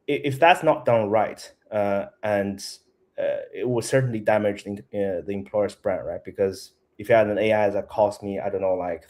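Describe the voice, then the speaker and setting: A man, a company CEO, speaking as an interview guest in a casual, halting way, restarting his sentences often. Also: on the low side, a little mellow.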